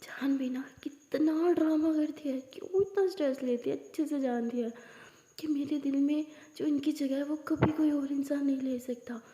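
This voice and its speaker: A woman's voice: sits high, fairly even intonation, moderate pace, mellow, natural voice. A woman voicing a tender young woman who soothes and teases her partner in a coaxing way. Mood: hushed. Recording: echoey room with long reverb.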